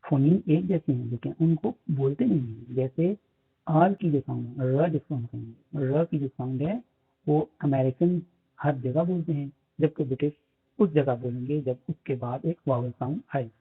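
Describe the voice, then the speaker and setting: Male teacher, husky gravelly voice, slow deliberate lecturing, thin phone-like recording. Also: medium pitch. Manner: slow explaining, reads English definitions haltingly. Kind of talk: lecture in Urdu-Hindi mixed with English. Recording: phone-like narrow sound.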